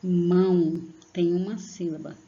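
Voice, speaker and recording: A woman teaching young children in an online lesson, patient and slow, stretching out example words and checking in often. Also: fairly low pitch, little pitch movement, dark tone, highs cut off. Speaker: primary school teacher.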